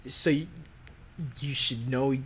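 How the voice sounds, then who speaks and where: A young man in his twenties co-hosts a casual podcast chat. He talks in an animated, worked-up way, peppering his rant with fillers and heated asides. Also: medium pitch, takes it slowly, slight background noise. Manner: animated, worked-up ranting with lots of "like". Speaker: podcast co-host.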